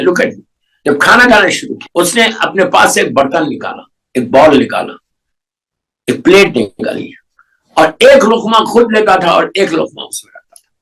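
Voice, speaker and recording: A man's voice: on the high side, gravelly, fairly bright tone, poor audio. A male preacher with a Pakistani Urdu accent giving a sermon, telling a story and then urging his listeners with rising passion, dropping English words into his Urdu. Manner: rises to impassioned exhortation. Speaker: Shia preacher.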